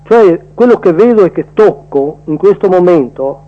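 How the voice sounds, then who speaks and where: Man on the phone to a radio show, fairly high voice, dull muffled line, plain and earnest. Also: expressive, normal speed. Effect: heard over the phone line. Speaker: radio call-in caller. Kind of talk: casual opinion on air.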